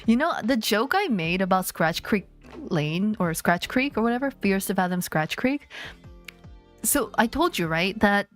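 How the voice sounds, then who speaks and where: A woman's voice: mid-range voice, lively intonation, measured pace, soft background music. A woman streamer chatting playfully with her viewers, rambling and joking. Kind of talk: casual live-stream chat.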